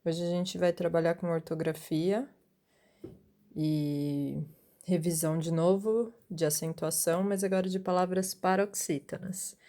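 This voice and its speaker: A woman's voice: on the low side, fairly even intonation, a little slow, mellow. A woman teacher, giving a patient lesson to pupils, asking questions and answering them herself, often checking in with "right?". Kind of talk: recorded classroom lesson for pupils.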